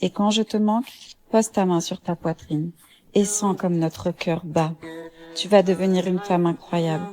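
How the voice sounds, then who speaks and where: A woman voicing a tender mother who speaks gently and soothingly to her teenage daughter. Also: lowish voice, steady tone, measured pace, natural voice.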